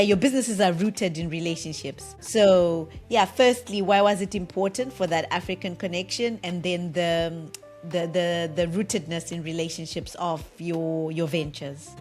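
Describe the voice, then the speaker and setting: A woman hosting a podcast interview, asking measured, thoughtful questions. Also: fairly low pitch, steady tone, faint music behind. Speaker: podcast host.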